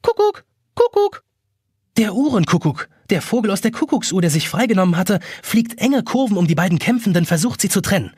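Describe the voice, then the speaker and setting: A man's voice: high voice, expressive, fast talker, hardly any pauses, a little mellow, slightly rough, dry recording, clean studio sound. A man reading an audiobook as narrator, telling the story expressively. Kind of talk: scripted narration.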